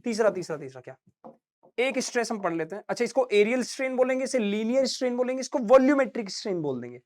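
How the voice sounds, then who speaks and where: A man's voice: extremely high pitch, big pitch swings, quick pace, a little mellow. A young man teaching a physics lesson in a casual, chatty way, calling his students beta and bhaiya and mixing in anecdotes and little sung sound effects. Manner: sings little sound effects between points. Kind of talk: casual classroom lecture.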